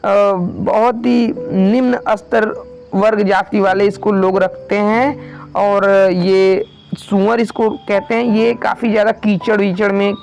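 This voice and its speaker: A man's voice: high-pitched, level tone, a little slow, vocal fry, rough recording. A man teaching an online vocabulary lesson, saying each word twice and asking his viewers to repeat it back.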